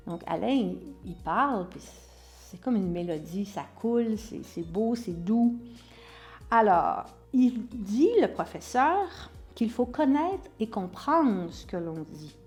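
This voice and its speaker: A woman's voice: mid-range voice, expressive, slow pace, darkish tone, faint music behind. A woman with a Québécois French accent giving an online acting lesson, explaining and demonstrating word stress by example. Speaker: acting teacher.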